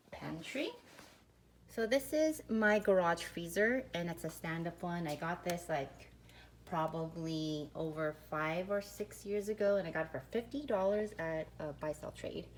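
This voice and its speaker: Slightly winded from a workout, a woman family vlogger gives a casual tour of her kitchen fridge, pantry and garage freezer, filling her chatty narration with "like" and "um." Her voice is on the low side and measured, with slight background noise.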